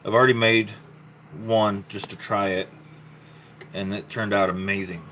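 A man in his forties hosts a live home cooking stream, chatting step by step as he works at the stove. His voice sits fairly low, picked up on a handheld camera mic in a home kitchen. A faint room ambience sits behind him. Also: flat delivery, measured pace, fairly bright tone, slight background noise, low-quality recording. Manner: casual, step-by-step, talking to viewers while cooking. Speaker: home cooking channel host. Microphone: handheld camera mic, moved around the stove.

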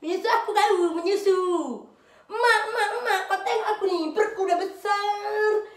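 A woman's voice: extremely high pitch, fairly even intonation, moderate pace, pitched above the performer's own voice. A woman voicing an exhausted pregnant mother who scolds her grown daughter in a nagging, sing-song way, in a comic skit. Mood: scolding. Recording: echoey room.

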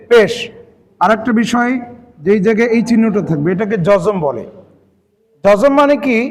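A man with a notably high voice teaches Quran reading basics, patiently spelling out letters and marks. He repeats each rule and quizzes his listeners. His voice carries a long, hall-like reverb. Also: darkish tone. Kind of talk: step-by-step recitation lesson.

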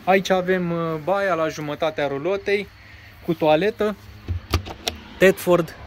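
Standing beside a caravan on a grassy lot, a seller from Romania presents it in a casual walkaround, recording on a phone camera in his own hand. He has a high voice and a plain, matter-of-fact delivery that pauses with fillers. There's slight background noise.

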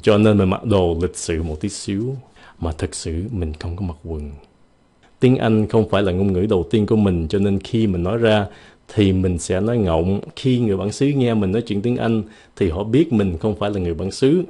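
A young man from Vietnam gives a relaxed video lesson on polite English. His voice sits low and sounds mellow and warm. He talks playfully and models phrases with varied intonation. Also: brisk. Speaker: English teacher.

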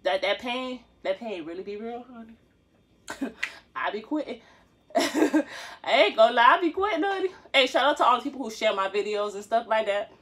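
Stretching in a small room, a dance vlogger in her 20s chats jokingly to a phone camera on the floor, full of slang and laughter. Her voice is fairly high and fairly bright, with lively intonation at a normal speed.

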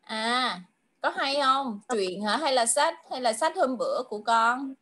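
Woman, high voice, tutor, online lesson, coaxing, repeats questions, slow English clues. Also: lively intonation, background noise.

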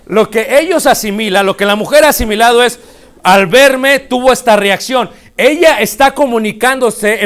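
Male preacher, high voice, playful storytelling sermon. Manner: animated, acts out couples' dialogue with humor.

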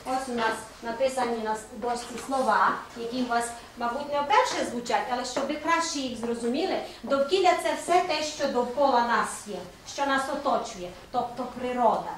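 A middle-aged woman teaching an open primary school lesson, patient and coaxing with her pupils. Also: high voice. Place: large echoey classroom. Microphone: distant camera mic. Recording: echoey classroom from far off. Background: faint room noise.

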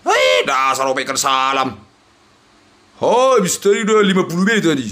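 A young man, giving loud, excited commentary on a slot game as he plays, swinging between yells and mutters. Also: a little high, moderate pace. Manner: loud, shouting and exclaiming, jumpy swings between yelling and muttering.

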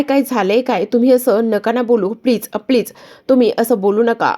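A woman's voice: on the high side, darkish tone. A woman recapping a TV serial episode in a conversational storytelling style, addressing viewers directly. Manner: conversational, repetitive connecting phrases.

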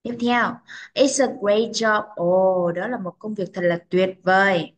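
A woman English teacher with a Vietnamese accent, drilling pronunciation for children by reading words slowly and repeating them. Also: mid-range voice, steady tone.

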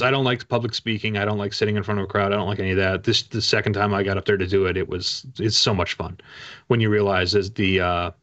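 Over a video call from a room at home with bookshelves, a guest author in his forties rambles through a casual interview chat, often self-deprecating. His voice sits on the low side with a fairly bright tone, heard through dull, lo-fi call audio.

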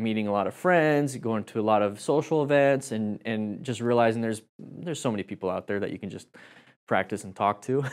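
A man teaching a casual spoken lesson as a motorcycle riding instructor, chatty and rambling, with many fillers and restarts. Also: fairly low pitch.

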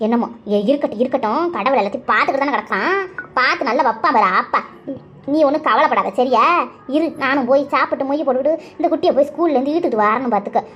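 A quarrelsome village woman from a cartoon, voiced by a woman, firing off taunts. Her voice sits high and the words tumble out fast. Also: a bit bright, dull audio, a little hiss or hum. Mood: consoling. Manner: scolding, rapid-fire taunts. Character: sharp-tongued quarrelsome village woman, loud and cutting. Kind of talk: cartoon voice acting.

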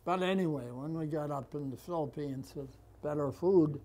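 An American man in his nineties with an aged voice, recounting memories conversationally and haltingly, with long pauses. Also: fairly high pitch, mellow. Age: 90s. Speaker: war veteran being interviewed. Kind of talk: conversational reminiscence. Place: small office, indoors. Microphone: lapel mic.

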